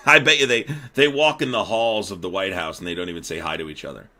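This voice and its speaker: A man's voice: low voice, fast talker, sharp tone. A young man hosting a live stream, riffing profanely and animatedly, laughing as he talks. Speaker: streamer host. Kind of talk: casual live-stream commentary.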